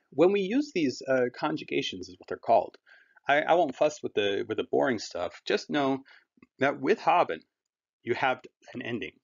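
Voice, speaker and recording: This man's voice is medium in pitch with a creaky texture as he gives a German lesson in class. His manner is patient and chatty, and he leans on everyday comparisons to explain things. It comes through a dull, lo-fi recording.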